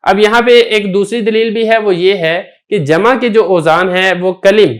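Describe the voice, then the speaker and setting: A male teacher giving a recorded grammar lesson, explaining step by step and asking and answering his own questions. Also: sits high. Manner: recites quoted text slowly and deliberately.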